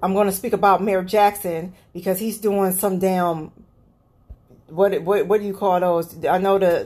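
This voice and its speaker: A woman's voice: on the low side, warm tone. A woman hosting her own podcast, ranting bluntly about politics with plenty of swearing and an exasperated manner. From Cleveland area. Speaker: podcast host. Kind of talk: solo political rant podcast.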